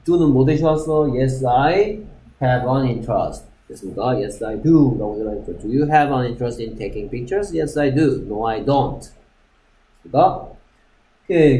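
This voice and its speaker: A man teaching English grammar to a class, talking briskly, checking often that students follow and reading English example sentences slowly. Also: medium pitch, expressive, dark tone, echoey room, slight background noise, poor audio.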